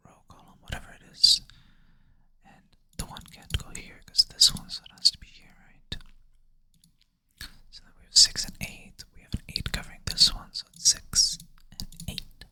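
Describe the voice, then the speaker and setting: A sleepy ASMR creator whose first language is Swedish whispers softly into a close ASMR mic at a moderate pace. She thinks aloud and pokes fun at herself while playing through a puzzle.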